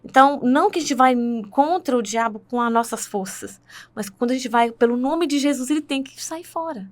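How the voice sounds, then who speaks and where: A woman's voice: high-pitched, brisk. A woman with a Brazilian Portuguese accent telling her faith testimony in conversation, earnest and full of tag questions.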